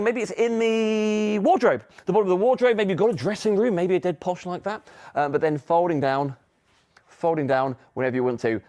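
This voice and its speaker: A man's voice: on the high side, a little mellow. A British man presenting a live shopping show in chatty, upbeat sales patter, a little out of breath. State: slightly out of breath.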